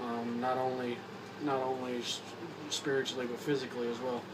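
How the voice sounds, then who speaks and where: Slightly hoarse from a cold, a Kentucky vlogger chats casually to camera in a flat, mid-range voice with a Southern accent. His talk rambles, halting often with repeats and fillers. Background noise comes through on the distant phone or camera mic.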